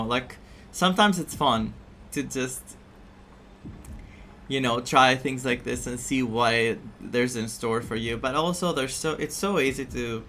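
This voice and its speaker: A gaming streamer comments casually on a story game over its music, his medium-pitched voice pushed and bright with slight background noise. He rambles with fillers and mocks vague fortune-telling in put-on voices.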